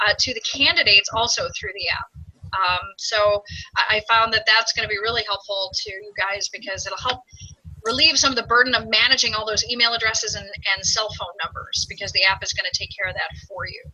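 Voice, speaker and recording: A woman who works as a parish youth minister, explaining an app she built in a chatty webinar presentation with many pauses to say um. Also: medium pitch, fairly even intonation, sharp tone, slightly rough, rough recording.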